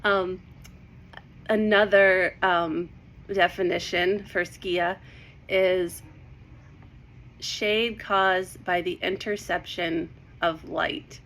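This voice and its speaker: A woman giving a casual devotional talk about Bible verses, excited and a little out of breath. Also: on the low side, very slow, long pauses. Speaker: Bible teacher.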